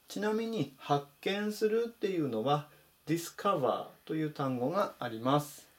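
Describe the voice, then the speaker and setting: Man, native japanese, english vocabulary teacher, careful pronunciation, slightly high voice. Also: expressive. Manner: slow, careful spelled-out pronunciation of English words. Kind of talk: scripted vocabulary lesson. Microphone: voice-over.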